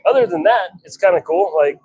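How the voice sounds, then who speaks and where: Working at his home forge, this livestream host and hobby blacksmith chats informally, half to viewers and half to himself. He speaks fairly quickly in a high, sing-song, creaky voice with a darkish, slightly rough tone, and the recording is dry.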